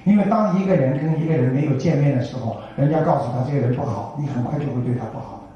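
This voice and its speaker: Older guy preaching buddhism, mellow kinda high voice, keeps asking right?, big echoey hall, far from the mic. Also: rapid-fire, lo-fi sound. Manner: folksy, full of rhetorical questions. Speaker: Buddhist teacher. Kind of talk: Buddhist dharma talk to an audience.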